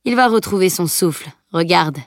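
A woman voicing a calm, quiet adult male swordsman in a storybook reading, speaking evenly and curtly. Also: on the low side, moderate pace, dry recording. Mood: reassuring. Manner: calm and dry.

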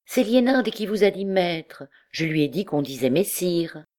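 A woman's voice: fairly low pitch, lively intonation, darkish tone, pitched above the performer's own voice. A woman reading an audiobook, voicing a primly dressed young townswoman who corrects her friend and speaks impetuously. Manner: bossy, quick.

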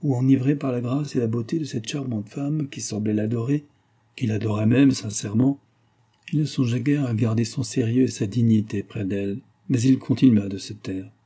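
Man, audiobook narration, measured, dark timbre, husky. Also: mid-range voice.

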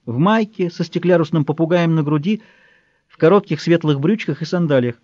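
A man narrating a novel as an audiobook in a measured, expressive reading. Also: on the high side, no room sound, dull audio. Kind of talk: scripted narration.

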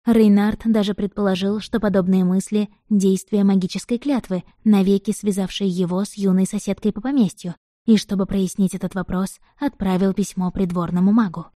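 A woman reading a novel aloud in even, measured scripted narration. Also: medium pitch, no room sound, clean studio sound. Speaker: audiobook narrator.

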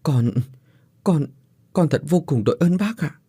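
A man's voice: a little high, expressive, a little slow, warm tone, husky, no echo, studio quality, voice pushed up. A man voicing a frail, tearful poor young mother who stammers and pleads politely. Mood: tearful gratitude.

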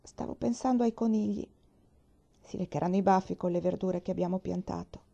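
A man's voice: high voice, brisk, vocal fry, dark tone. A woman voicing a firm frontier father. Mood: reassuring. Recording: muffled lo-fi recording.

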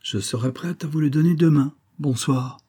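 A man's voice: on the high side, moderate pace, dark tone, husky, voice pushed up. A man voicing a proud, cold young woman in an audiobook, speaking haughtily and impatiently. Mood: scornful.

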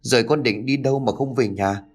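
A man's voice: mid-range voice, a little fast, husky, faint music behind. A man reading a concerned old neighbor woman. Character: kindly older neighbor woman.

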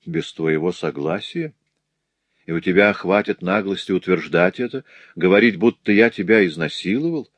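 A man narrates a story, taking on the role of a lecherous master who mocks and threatens a young woman in a sneering, taunting, menacing way. He speaks in a low-pitched voice at a moderate pace, and the recording is dry.

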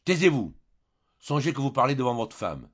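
A man voicing an older nobleman who shouts at his son-in-law in anger, in a slightly dull recording. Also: medium pitch, very animated, moderate pace, breathy edge, pitched above the performer's own voice. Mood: outraged.

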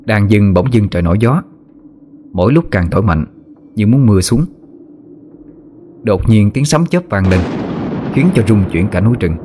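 A man narrating a ghost story in a steady storytelling voice. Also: lowish voice, moderate pace, long pauses, slight background noise.

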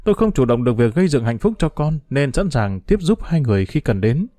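A man reading a first-person diary novel aloud, emotional and expressive. His voice is dark and mellow, and his pitch moves widely through each sentence. The recording is close and dry. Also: brisk, no room sound. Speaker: audiobook narrator.

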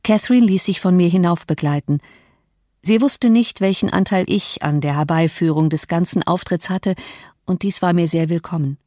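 A woman's voice: lowish voice, warm tone, dry recording. Woman narrating an audiobook, dry sound. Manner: measured storytelling.

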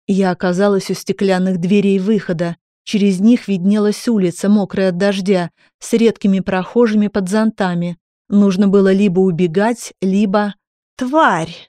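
A woman reading a dramatic story aloud in the first person, steady and measured. Her tone is mellow and dark, at a middle pitch. The recording is dry, with no room sound. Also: no room sound. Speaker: narrator. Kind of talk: audiobook narration.

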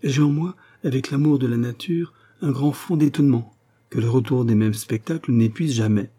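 A man's voice: medium pitch, normal speed, dark tone, breathy edge, lightly acted. A man voicing a shy, naive young clerk who dreams of solitude. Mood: dreamy. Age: young adult.

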